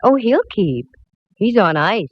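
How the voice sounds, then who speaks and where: This is 1940s radio acting: a woman voices a wry, wisecracking private eye who doubles as narrator, hardboiled and quick with a comeback. Her medium-pitched delivery is very animated, and the old broadcast has a dull sound.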